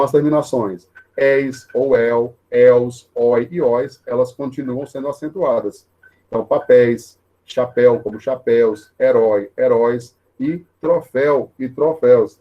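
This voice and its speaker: Male teacher, mellow husky tone, walks students through rules patiently. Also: medium pitch. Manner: explanatory, many tag questions, repeats himself; says he talks fast. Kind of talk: online lesson on grammar.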